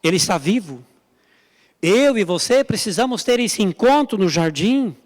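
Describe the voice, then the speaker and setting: High-voiced pastor preaching in a hall. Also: male voice, animated, normal speed. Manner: emphatic, repetitive preaching with direct appeals. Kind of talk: sermon. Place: church service.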